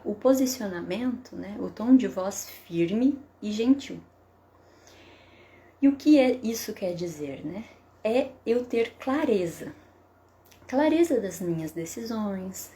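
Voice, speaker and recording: A woman psychotherapist giving parenting advice in a live stream, explaining calmly and often checking in with a tag question. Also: medium pitch, a little hiss or hum. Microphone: webcam or phone for a live stream.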